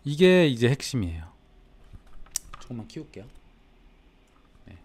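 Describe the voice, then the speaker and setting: A man's voice: medium pitch, sing-song, unhurried, a little mellow. A man hosting a casual livestream as a business coach, talking to his chat and reading comments aloud. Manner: chatty, answers live chat, reads comments aloud.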